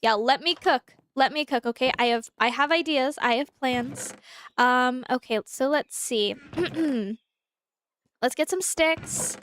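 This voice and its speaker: A high-pitched, slow, fairly bright woman's voice with a little hiss or hum. She streams a game live at her computer's desk mic, chatting in a rambling way to viewers and the game's animals, sounding slightly nasal from congested sinuses.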